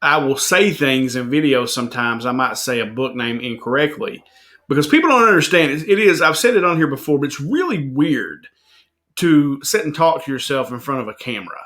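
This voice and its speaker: A man hosts a relaxed interview in a folksy Appalachian Southern accent. His voice is bright and forward, at an ordinary male pitch. He talks plainly, as in a casual chat. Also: a little fast. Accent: Southern US, Appalachian hillbilly. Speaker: host of a comic book interview show.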